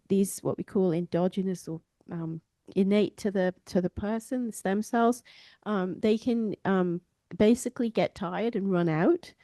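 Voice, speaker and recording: A woman's voice: fairly low pitch, warm tone, dry recording. A woman from England with an English accent, speaking in front of an audience as a biologist informally explaining science to lay listeners. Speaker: stem cell biologist, guest speaker.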